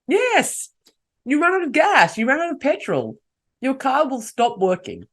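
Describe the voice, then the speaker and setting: A woman's voice: high voice, sing-song, unhurried. A woman hosting a solo podcast, coaching her listeners and asking them rhetorical questions. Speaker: podcast host.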